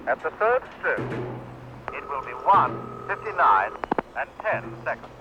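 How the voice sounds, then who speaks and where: A man announcing the time as a recorded talking clock, his words spliced together, measured and formal. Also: on the high side, big pitch swings. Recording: dull telephone-line recording with music behind.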